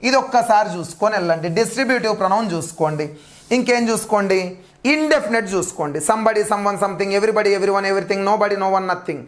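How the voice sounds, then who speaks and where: In an exam-prep grammar lecture, a man with a high, brisk voice teaches English grammar to prospective teachers. He drills key terms by repeating them emphatically.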